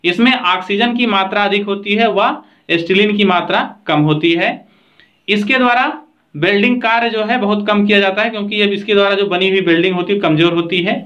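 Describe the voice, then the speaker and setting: A man's voice: high voice, fairly quick, fairly bright tone, highs cut off. A man teaching trade theory over slides, explaining steadily with frequent filler phrases. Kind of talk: slide lecture with annotations.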